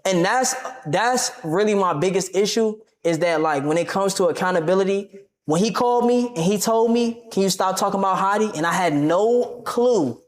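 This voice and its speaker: A young man talking casually as a podcast guest, animated and confrontational, heavy on slang. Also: high-pitched, fairly quick. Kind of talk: casual interview talk.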